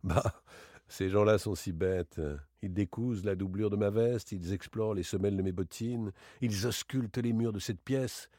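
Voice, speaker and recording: A man voicing a playful, boastful gentleman thief in a dramatic audiobook reading, teasing and theatrical. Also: fairly even intonation, normal speed, dry recording, studio quality, lightly acted. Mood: mocking, boastful. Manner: teasing, theatrical, swings between bright exclamations and low asides.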